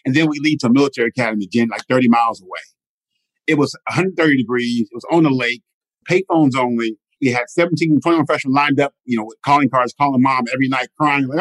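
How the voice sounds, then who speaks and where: Middle-aged male guest, quick animated storyteller, dry close sound. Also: mid-range voice, no room sound, poor audio. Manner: animated, repeats "right?" often. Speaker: guest, motivational speaker. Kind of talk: storytelling interview.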